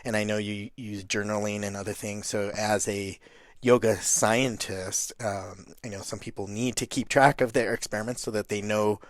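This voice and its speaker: A middle-aged man hosting a podcast, easygoing and playful, with soft-spoken asides. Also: lowish voice, fairly even intonation, moderate pace, dry recording, clean studio sound. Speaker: podcast host. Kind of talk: conversational podcast interview.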